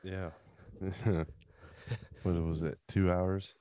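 A man with a deep, low voice chatting casually and informally as a podcast co-host. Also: flat delivery, extremely slow, mellow, smooth, dry recording. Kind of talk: casual chat.

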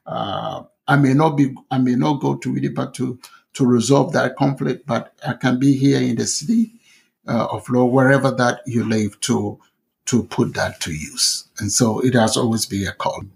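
A man's voice: mid-range voice, steady tone, normal speed, gravelly. A middle-aged man from Ghana with a Ghanaian accent, telling his story as an interview guest, hesitant with many fillers and restarts. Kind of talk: conversational storytelling.

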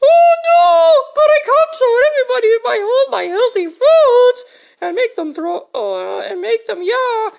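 A melodramatic aunt pig, as a woman puts her on for a fan cartoon spoof. The voice is high and shrill and breaks into wails whenever she feels slighted. She fusses over healthy food. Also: very animated, measured pace, creaky, darkish tone, full character voice. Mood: wailing. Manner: shrill, wailing and dramatic.

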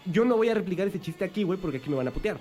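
A man's voice: high-pitched, expressive, very fast, soft background music. A man with a Mexican Spanish accent, co-hosting a podcast in crude, joking casual banter. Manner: crude joking, swings from loud to mumbled. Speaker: podcast co-host.

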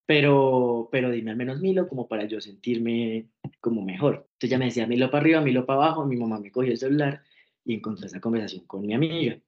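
A young man tells his story in a quick, tumbling stream of words as a guest on a talk show. He slips into the voices of the people in his story as he goes. The recording sounds a little dull and lo-fi. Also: medium pitch. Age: young adult. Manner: animated, acts out quoted dialogue. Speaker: interview guest. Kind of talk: casual storytelling.

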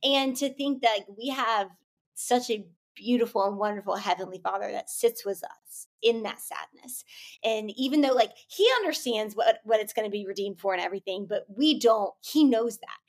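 A woman's voice: mid-range voice, normal speed. A young woman hosting a faith podcast, speaking in a heartfelt, searching way with many fillers. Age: young adult. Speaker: podcast host.

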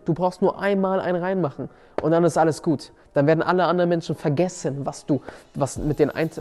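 A man's voice: on the high side, darkish tone. A man hosting a motivational podcast, speaking emphatically and often repeating and restarting his phrases. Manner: emphatic, repeats key words, frequent restarts. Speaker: podcast host and seminar coach.

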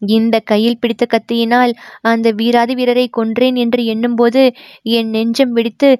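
A woman voicing a distraught young noblewoman who pleads and confesses through tears, her voice pushed higher. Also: flat delivery, normal speed, a little mellow, clean tone, no echo, studio quality, lightly acted. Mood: distraught pleading.

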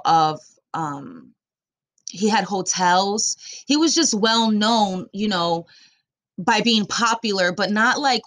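A woman's voice: medium pitch, no room sound. A young woman doing casual opinion commentary, blunt and profane, rambling with lots of fillers.

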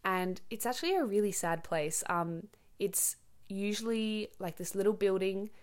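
A woman's voice: mid-range voice, normal speed. A young woman hosting a casual podcast, rambling with many ums and stopping to explain words simply. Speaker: podcast host. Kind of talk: casual chatty monologue.

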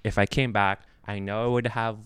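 A young man with a fairly low, smooth, resonant voice chats casually. He rambles, circling back with fillers and restarts as he thinks aloud. The sound is dry and close, with no room around it. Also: flat delivery, normal speed, no echo. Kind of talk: casual chat. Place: apartment.

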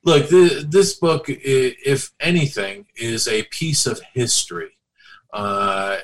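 Middle-aged male author, casual guest, bright voice, loose rambling delivery. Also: mid-range voice, rough recording. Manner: rambling, many fillers and restarts. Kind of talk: casual interview chat.

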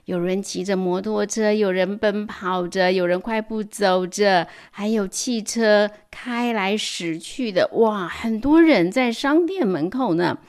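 A woman reading a picture book aloud to children, animated, with playful sound words and hushed asides. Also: mid-range voice, unhurried, few pauses. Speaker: storyteller. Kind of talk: storybook read-aloud for children.

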